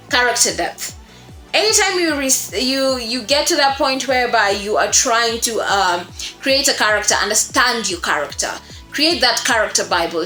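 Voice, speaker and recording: Teaching viewers informally, a woman who coaches voice acting speaks with a medium pitch and a sharp tone. She encourages and stresses points by repeating them, and the echoey recording has music running underneath.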